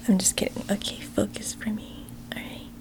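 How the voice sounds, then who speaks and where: A woman doing an ASMR whispered role-play as an affectionate, teasing childhood best friend, in a soft, soothing spa-like whisper meant to relax. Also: medium pitch, rough recording. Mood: playful teasing.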